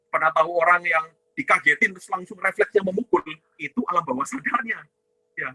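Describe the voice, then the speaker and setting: Guy teaching a church seminar, high pitched, super bright punchy voice, keeps going "ya?" and asking himself questions. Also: fairly quick, no room sound, low-quality recording. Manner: asks and answers his own questions, tags lines with "ya"; addresses listeners as "saudara". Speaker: ministry teacher on inner healing. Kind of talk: teaching talk with slides.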